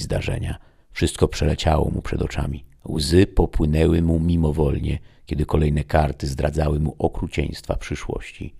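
Very deep gravelly male narrator. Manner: steady dramatic storytelling. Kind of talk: audiobook narration.

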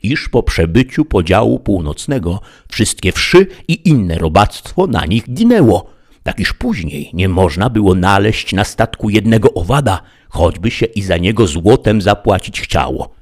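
A lofty old knight from a storybook reading who holds forth in grand, lecturing speeches, as a man puts him on. His low voice rises and falls with lively pitch. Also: unhurried, full character voice. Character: pompous learned old knight, lofty and scolding. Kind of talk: audiobook character reading.

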